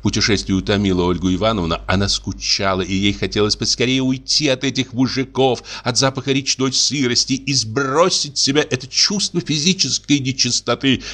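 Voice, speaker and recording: A man narrating a classic literary story in a measured, expressive way. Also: mid-range voice. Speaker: audiobook narrator.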